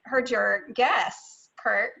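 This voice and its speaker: Friendly woman with a gravelly edge. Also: on the high side, fairly even intonation, extremely slow, sharp tone. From rural Illinois. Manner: friendly, chatty. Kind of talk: panel introduction on a video call. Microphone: video call. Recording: dull lo-fi call audio.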